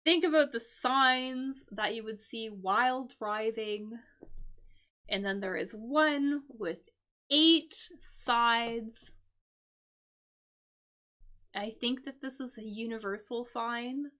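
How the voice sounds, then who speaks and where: A woman hosting a live-stream English lesson, explaining crossword clues slowly with many fillers and repeated "right?". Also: fairly high pitch, bright, forceful tone. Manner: slow, repetitive explaining with frequent fillers and "right?".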